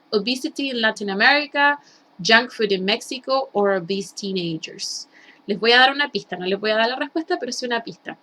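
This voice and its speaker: A woman with a Chilean Spanish accent teaching English in a recorded lesson, explaining slowly and having students repeat words. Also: on the high side, fairly bright tone.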